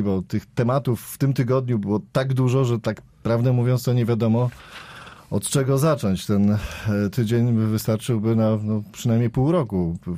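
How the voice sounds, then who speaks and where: Mellow-voiced male debate moderator. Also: medium pitch, no echo. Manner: hesitant, with fillers while posing questions. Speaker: talk show moderator. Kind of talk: political panel discussion.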